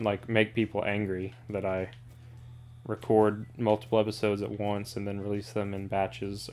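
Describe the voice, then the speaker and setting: A man's voice: on the low side, darkish tone. A man giving casual gameplay commentary, rambling with dry sarcastic asides. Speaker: gaming video creator.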